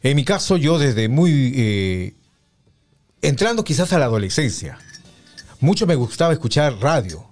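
A middle-aged radio announcer, reminiscing in an unhurried, reflective way, with frequent pauses and fillers. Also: male voice, medium pitch, sing-song, darkish tone, faint music behind. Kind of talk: casual reminiscing conversation.

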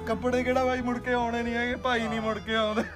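A man's voice: very high voice, little pitch movement, fast talker. A man acting in a short family drama, pleading and grieving in a raised, strained voice. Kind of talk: emotional Punjabi short-film acting. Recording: music playing loudly under the voice.

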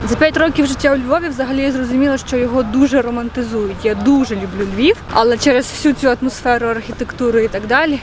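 Young woman, playful walking vlogger; slightly high voice, handheld phone outdoors, faint city noise. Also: fast, hardly any pauses. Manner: chatty, playful, jokey asides to camera. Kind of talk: casual walking vlog. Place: outdoors on city streets and in a park. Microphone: handheld phone at arm's length.

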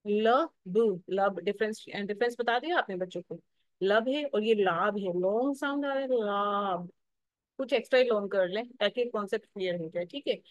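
A woman with a Pakistani Urdu accent teaching a phonics lesson for teachers, slowly sounding out syllables and often checking in. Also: medium pitch, dry recording, dull audio. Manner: explanatory, checks in with "theek hai" often.

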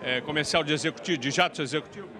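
A Brazilian man in his sixties interviews guests at an event in a rambling, flowery, halting way, holding a handheld microphone. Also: a little high. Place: indoor reception event at a hangar. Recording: busy event crowd chatter behind.

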